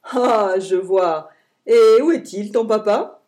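A woman voicing a big, good-natured male bison with a deep, booming voice in a children's story. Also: slow, warm tone, lightly acted. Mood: amused.

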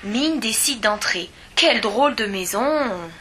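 Woman storyteller reading a children's story, slow, bright, expressive. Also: on the high side, slightly rough.

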